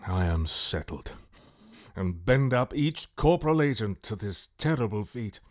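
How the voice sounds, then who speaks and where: A man's voice: on the low side, sing-song, a little slow. An actor playing Macbeth, a tormented nobleman turned murderer, declaiming Shakespearean verse in a classical radio drama. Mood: grim, haunted. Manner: brooding, theatrical declamation.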